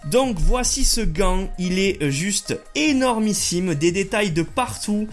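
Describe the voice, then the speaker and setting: A man's voice: high voice, lively intonation, takes it slowly, soft background music. A man from France hosting a casual, enthusiastic unboxing vlog, talking loosely with lots of fillers. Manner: casual, enthusiastic, many fillers and hedging "hein", "quoi". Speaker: YouTuber. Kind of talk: unboxing and product review vlog.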